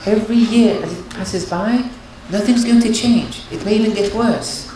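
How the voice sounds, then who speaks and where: A woman with a warm, medium-pitched voice speaks at a moderate pace, giving an earnest religious lecture on marriage. She counsels her listeners and often restarts her phrases, in a very echoey, noisy hall.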